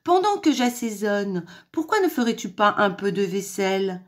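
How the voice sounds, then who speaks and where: A woman voicing a sly, clever mother hen in a children's storybook reading, brisk and bossy while she schemes. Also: mid-range voice, very animated, lightly acted.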